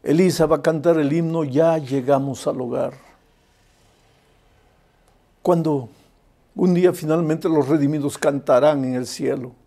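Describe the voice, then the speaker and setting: A male preacher delivers an evangelistic sermon in a mellow, dark voice with a gravelly edge. He builds to loud, emphatic appeals and then drops to a hushed tone to tell his story. It sounds like an earnest call from the pulpit. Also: a little high, steady tone, measured pace, pauses often.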